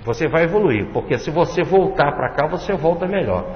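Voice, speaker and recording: A man's voice: fairly high pitch, lively intonation. A man giving a religious study lecture, explaining and listing points one by one. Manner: explanatory, repeats and enumerates points slowly. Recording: echoey hall, dull lo-fi, faint hiss.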